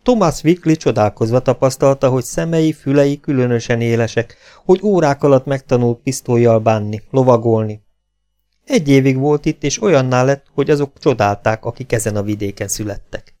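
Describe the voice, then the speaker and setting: A man narrating an adventure novel as an audiobook, in a measured, dramatic reading. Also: mid-range voice, warm tone. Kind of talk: scripted narration.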